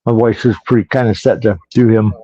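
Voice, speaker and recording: A man's voice: lowish voice, fairly even intonation, a little fast, dark tone, no echo, muffled recording. A man co-hosting a live podcast in casual chat, rambling and joking between impressions. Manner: rambling, jokey, does impressions. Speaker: podcast co-host.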